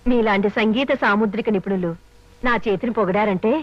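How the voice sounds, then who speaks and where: An actress playing a polite, gracious young wife talking with a palm reader, in an old film. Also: female voice, medium pitch, brisk, dry recording, natural voice. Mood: pleased. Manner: polite and courteous. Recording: muffled old film soundtrack.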